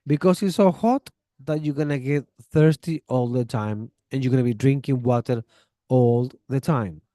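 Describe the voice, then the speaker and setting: A man talks in a relaxed, chatty way, like a teacher giving friendly advice. His voice is mellow and warm, recorded close and dry, with no room sound. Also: medium pitch, moderate pace, dry recording. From Chile. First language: Spanish. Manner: chatty, relaxed, gives friendly advice with acted-out example dialogues. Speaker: English teacher. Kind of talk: casual spoken lesson.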